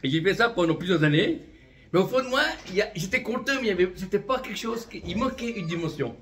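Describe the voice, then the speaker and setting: Talking fast in a high-pitched, animated and a bit bright voice, this Vietnamese-born man in his fifties is an itinerant prophetic minister. He gives his religious testimony fervently, often adding "amen" and "voilà" with light chuckles.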